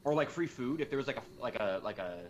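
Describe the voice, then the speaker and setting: A man's voice: mid-range voice, fast talker, lo-fi sound, slight background noise. A man co-hosting a podcast in casual chat, telling a work story with acted-out quotes and plenty of swearing. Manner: animated storyteller who swears freely and acts out quotes. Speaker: podcast co-host.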